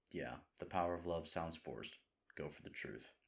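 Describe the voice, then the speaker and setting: A man's voice: deep voice, normal speed, fairly bright tone. A man playing a devoted, goofy boyfriend nervous about proposing, rambling and chiding himself earnestly in a scripted romantic audio roleplay. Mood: playful bluffing.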